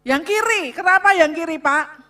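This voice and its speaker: A woman speaking to a church congregation about marriage, loud and emphatic, often turning to address the audience. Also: extremely high pitch, moderate pace. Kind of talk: sermon-style talk to a congregation.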